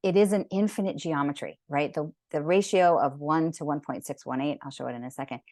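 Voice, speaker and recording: A woman's voice: low-pitched, brisk, a little mellow, no echo, clean studio sound. A woman teaching a geometry class over a video call, talking in an enthusiastic, rambling way with many fillers and restarts. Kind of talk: online class talk.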